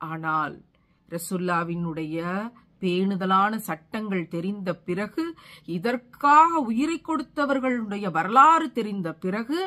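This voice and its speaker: A woman's voice: lowish voice, a bit bright. A middle-aged woman giving an impassioned sermon, pleading with her listeners and building repeated phrases to fervent peaks. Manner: pleading, rising to fervent emphasis; repeats phrases for rhetorical force. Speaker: religious speaker.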